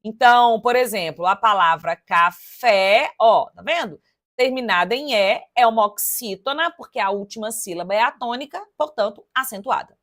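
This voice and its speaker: A woman teaches grammar for a public exam. Her voice sits fairly high, and she talks in a lively, chatty way, counting syllables aloud and speaking straight to her students. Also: moderate pace. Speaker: Portuguese teacher. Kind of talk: exam-prep lesson, solving test questions aloud.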